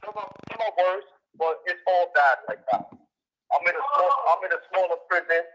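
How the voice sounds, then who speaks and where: A man calling in on a prison phone line as a guest, speaking earnestly and in a measured way. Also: sits high, sharp tone. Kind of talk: earnest explanatory talk. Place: prison telephone call. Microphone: phone handset.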